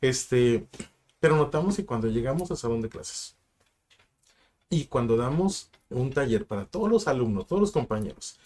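A man's voice: medium pitch, animated, moderate pace, a little mellow. A young man, a sign language interpreter speaking as a guest on a casual podcast, telling stories reflectively with many asides. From Mexico. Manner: reflective storyteller, drops in asides and fillers.

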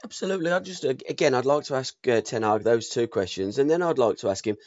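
A man's voice: mid-range voice, expressive, quick pace, no room sound. A British man hosting a casual football discussion, opinionated and posing pointed questions. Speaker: host. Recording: dull, dry close recording.

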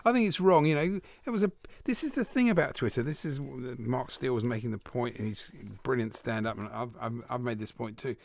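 Guy co-hosting sports radio, average pitch, casual opinionated banter, close mic. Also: brisk, creaky, hardly any pauses. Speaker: radio co-host. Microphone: close studio microphone.

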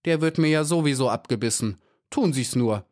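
A man narrating puts on a little female bee from a storybook, her voice raised well above his own and bright. She sounds cautious yet stubbornly firm. Young, small and brave. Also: mid-range voice, moderate pace, pitched above the performer's own voice, natural voice.

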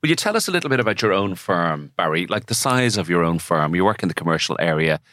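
Low-voiced man hosting, informal. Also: big pitch swings, fast talker, a bit bright, dry recording, clean studio sound. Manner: informal, encouraging. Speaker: podcast host. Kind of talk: conversational interviewing.

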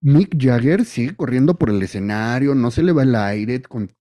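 A man with a Mexican accent and a mellow, warm voice at an ordinary pitch. He talks casually on a podcast, setting out his opinions in long stretches. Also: animated, moderate pace. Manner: opinionated, makes points at length. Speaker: podcast co-host. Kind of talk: casual chat.

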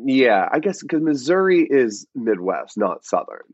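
A man's voice: mid-range voice, very animated, unhurried, no echo. A man from Georgia in casual chat, rambling and full of fillers like "like". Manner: rambling, filler-heavy with many likes. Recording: dull lo-fi sound.

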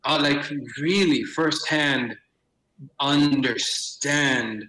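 Speaking extremely slowly in a highish, sharp-toned voice, this middle-aged theater director from Miami, United States, joins a podcast for a casual interview. He restarts frequently, uses plenty of fillers, and adds Spanish phrases, all on a low-quality recording.

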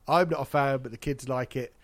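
Congested with hay fever, this man hosts a relaxed podcast at a normal speed and medium pitch. He is wry and talkative, often laughing at his own jokes.

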